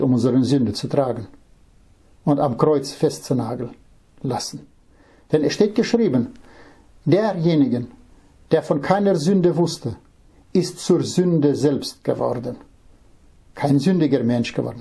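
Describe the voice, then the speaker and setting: A man with a somewhat high, husky voice preaches a Bible-teaching sermon. He reads scripture slowly, then explains it in an earnest tone, turning to the listener with direct questions. His timbre is mellow and warm rather than bright.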